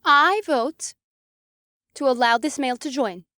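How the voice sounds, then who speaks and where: Woman voicing a haughty spider-woman, cold, condescending, higher voice, dry studio. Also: a little slow, sharp tone, no room sound. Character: haughty proud spider-woman, female alien. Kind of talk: audiobook character voice.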